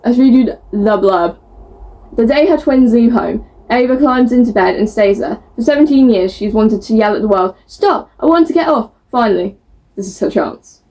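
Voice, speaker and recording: A woman with a fairly high voice talks casually to her viewers as a book vlogger. She reads blurbs aloud, stumbles over words and laughs at herself as she goes. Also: moderate pace, dark tone. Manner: chatty, self-mocking, stumbles over words.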